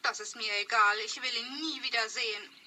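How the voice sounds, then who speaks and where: An actress playing the poet's scorned young girlfriend, sharp and indignant. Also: a little high, normal speed, a little hiss or hum, rough recording. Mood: sulky. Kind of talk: radio play for language learners.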